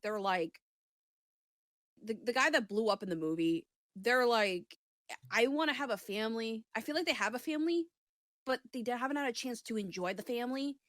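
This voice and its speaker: On a talk show, a psychic offers a casual intuitive reading, speaking tentatively and rephrasing herself as she goes. Her voice is fairly high and bright with lively intonation at a moderate pace, recorded in clean studio quality with no room sound.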